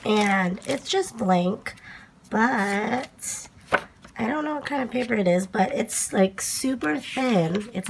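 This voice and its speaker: A young woman chatting casually through a stationery haul, her voice hoarse from a cold, with lots of fillers. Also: medium pitch, a little hiss or hum. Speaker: planner vlogger.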